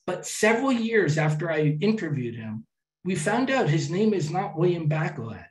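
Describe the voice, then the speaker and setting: A man's voice: on the high side, very animated, moderate pace. A man giving a public talk to an audience and telling travel stories in a chatty way, with some restarts. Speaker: travel speaker. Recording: echoey hall from far off.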